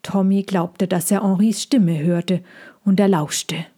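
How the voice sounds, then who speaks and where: A woman reading a children's story aloud, gentle and even. She takes her time over each phrase, in a mid-range voice. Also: medium pitch, slow. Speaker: narrator.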